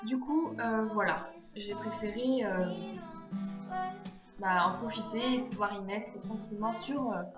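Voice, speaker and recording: A woman's voice: mid-range voice, unhurried. A woman narrating her DIY craft tutorial in a voice-over, hesitant and full of fillers and self-corrections. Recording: echoey room with background music. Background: guitar music.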